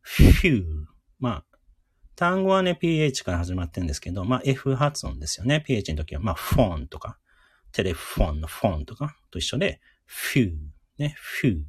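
Husky-voiced man drilling words. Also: lowish voice, big pitch swings, darkish tone, no echo, clean studio sound. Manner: chatty and encouraging, repeats words slowly to drill them. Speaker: radio host teaching English words. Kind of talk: casual live radio lesson.

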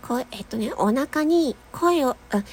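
A nasal woman in her young adult years with a slightly high voice talks through a casual voice lesson. She chats easily, laughs often and demonstrates long held notes. Faint noise sits under her. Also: expressive, unhurried, darkish tone. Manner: chatty, laughs often, demonstrates sustained tones. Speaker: voice-training podcaster.

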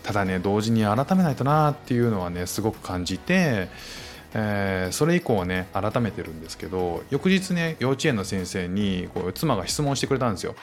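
A man in his thirties, a stay-at-home dad, hosting a casual podcast alone at a close mic and reflecting gently on parenting, with lots of fillers. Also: on the low side, lively intonation, fairly quick, faint music behind. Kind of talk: casual spoken-word podcast monologue.

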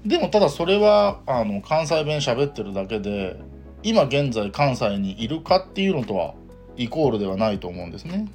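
A man's voice: mid-range voice, expressive, moderate pace, darkish tone, faint music behind. A man with a Kansai accent hosting a casual solo podcast, talking hesitantly with many fillers. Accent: Kansai Japanese. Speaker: podcast host.

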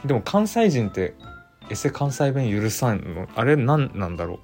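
Soft music plays behind a man hosting a casual solo livestream in a Kansai accent, his mid-range voice at a normal pace. He chats loosely and animatedly, reads listener messages out loud, and muses with frequent fillers.

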